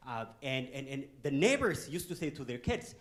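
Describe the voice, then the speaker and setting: Speaking at normal speed in a mid-range voice, a guest speaker from Ethiopia gives young listeners in a conference hall an animated, humorous motivational talk. He keeps throwing questions at the audience.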